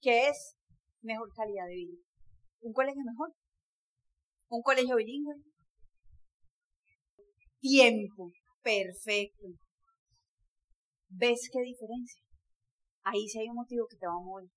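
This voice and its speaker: A woman, giving an energetic, emphatic motivational talk to a live audience, often laughing and working the crowd. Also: a little high, unhurried, long pauses. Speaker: motivational speaker.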